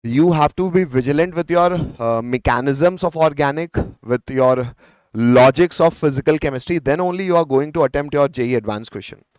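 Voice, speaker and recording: A man's voice: a little high, moderate pace, darkish tone, clean tone, no echo. A man with an Indian accent giving a live exam-revision lecture as a teacher, explaining step by step, repeating phrases and answering his own questions. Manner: explanatory, poses questions and answers them himself. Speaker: chemistry teacher.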